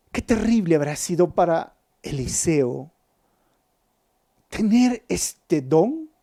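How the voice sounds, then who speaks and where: A man's voice: medium pitch, vocal fry, warm tone. A man, a pastor teaching a Bible study in an earnest storytelling manner, calling his listeners brothers.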